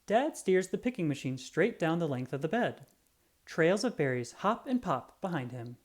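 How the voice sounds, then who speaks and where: Here a children's picture book is read out loud by someone with an expressive storytelling touch. It's a mid-range voice at normal speed.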